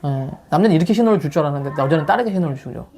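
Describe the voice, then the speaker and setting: Male pastor, easygoing storyteller, lively intonation. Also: a little high, very fast, creaky, crowd noise. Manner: animated storytelling with frequent fillers. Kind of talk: casual chat.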